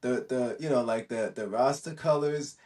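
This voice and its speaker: This podcast speaker is a man from Jamaica whose medium-pitched, slightly mellow voice comes across at normal speed, captured at a distance. He swaps casual stories in slang, frequently circling back to repeat words and phrases.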